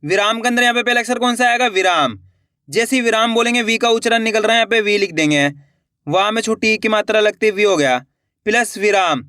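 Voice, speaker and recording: Bright, high-voiced male teacher. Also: fairly quick, dry recording, studio quality. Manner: draws out each word and drops low to finish it; asks the viewer questions and repeats answers. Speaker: Hindi writing teacher. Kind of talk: slow, patient spelling lesson.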